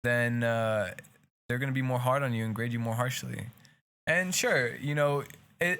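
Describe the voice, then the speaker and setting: A young man, a native Hebrew speaker with a Hebrew accent, co-hosts a casual podcast in a mid-range, fairly bright voice. He talks earnestly in long, rambling stretches full of restarts.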